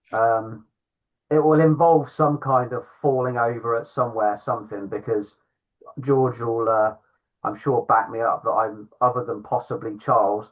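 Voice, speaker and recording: A man's voice: mid-range voice, poor audio. A man, a podcast host and club founder, chatting in an enthusiastic, self-deprecating way. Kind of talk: casual chat.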